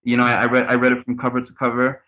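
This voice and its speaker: Speaking as an interview guest, a startup consultant from Cameroon walks through his background in a casual conversation. He's measured, even, and flat in tone, with a medium-pitched voice, and frequently repeats words while thinking. He sounds tinny, as if over a phone.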